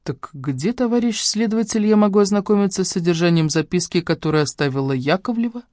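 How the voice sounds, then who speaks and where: A woman voicing a gruff, growling police major. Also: medium pitch, lively intonation, fast talker, a little mellow, dry recording, voice pushed up, lightly acted. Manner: growling, curt, sarcastic. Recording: dry close studio sound.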